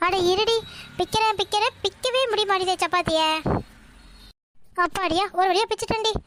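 A woman's voice: very high voice, normal speed, background noise. A woman voicing a blunt, scolding older village mother-in-law in a cartoon. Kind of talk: cartoon voice acting.

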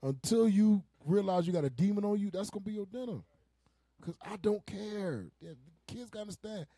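A man's voice: high-pitched, brisk, dark tone, no room sound. A man leading a casual group teaching session, joking and laughing often with the people around him. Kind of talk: casual preaching, joking banter.

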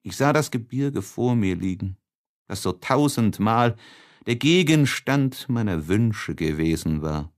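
Reading a classic literary letter, a male audiobook narrator gives a deliberate, expressive, dramatic performance. His voice sits on the low side.

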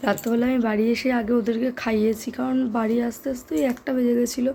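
A hoarse young woman with a sore throat, speaking softly in a casual vlog from her bedroom. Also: on the high side, level tone, fast talker, a little hiss or hum. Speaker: vlogger. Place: bedroom at home.

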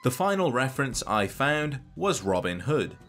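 A man narrating a scripted game video essay in a measured, dry and wry way. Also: medium pitch, very animated, fairly bright tone, faint music behind.

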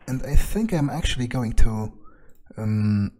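Playing a game in character, a man voices his character's thoughts in a hesitant, musing monologue, muttering curses now and then. His mid-range voice is dark in tone, expressive and unhurried.

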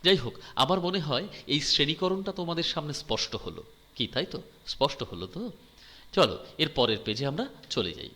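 A man's voice: on the high side, very animated, moderate pace, pushed and bright. A male teacher explaining grammar in a lesson, often asking and answering his own questions. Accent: Bengali. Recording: long hall reverb.

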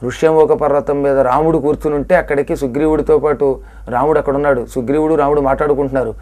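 Man chanting and storytelling in religious discourse. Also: on the high side. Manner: chants verses slowly, then retells them in lively storytelling. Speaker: discourse speaker.

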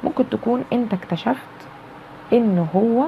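A woman's voice: on the high side, brisk, creaky. A woman with an Egyptian accent giving a casual tarot reading, chatty and acting out the quoted lines of the people she describes. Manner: chatty, acts out quoted dialogue in shifting tones. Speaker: tarot reader. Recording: dull lo-fi sound with faint background noise.

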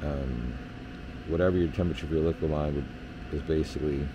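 Down in the furnace area of a basement, an HVAC tech talks through the system readings in a laid-back, practical manner with frequent fillers. He has a bass voice and talks fast, with background noise audible.

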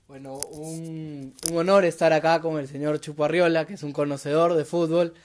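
A man's voice: a little high, level tone, normal speed. A man as co-host, greeting the guest politely and posing questions in a small room. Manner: courteous, deferential to guest. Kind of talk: interview questions. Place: small cluttered decorated room, indoors.

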